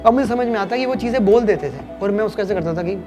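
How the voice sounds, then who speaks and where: A man's voice: high voice, rapid-fire, music in the background. A man in his late thirties from Haryana, a cricket commentator telling personal stories in a podcast interview, acting out the voices of the people in them. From Kurukshetra, Haryana, India. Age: late 30s. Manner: animated anecdotal storytelling, acting out voices.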